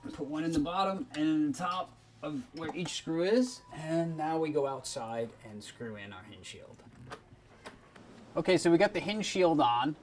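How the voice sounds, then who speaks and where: Male contractor, slightly high-pitched, informal step-by-step demonstrator, folksy and plain-spoken, some background noise. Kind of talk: informal how-to product demonstration.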